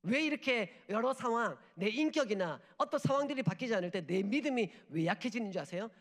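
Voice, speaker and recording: A man in his thirties, a missionary preaching a sermon in a church sanctuary, moving between forceful urging and hushed, near-whispered moments. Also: high-pitched, expressive, a little fast. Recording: long hall reverb.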